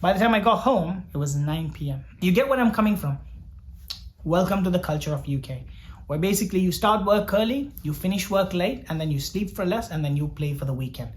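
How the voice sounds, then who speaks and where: A man's voice: high-pitched, lively intonation, brisk. Earnest man from Sri Lanka telling his story. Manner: reflective, earnest, repeats words while thinking. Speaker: doctor vlogger. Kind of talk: personal storytelling vlog.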